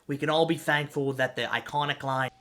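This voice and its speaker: Bright-voiced male trivia narrator. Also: medium pitch, fairly even intonation, a little fast, a little hiss or hum. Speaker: video essay narrator. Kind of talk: conversational film-trivia narration.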